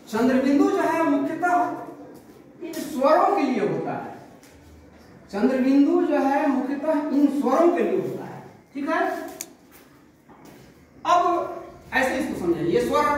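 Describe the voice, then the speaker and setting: A woman teaching a grammar class, explaining slowly, repeating key words and asking the class questions, recorded from a distance in a classroom. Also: high-pitched, a little hiss or hum. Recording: very echoey room, voice far from the mic.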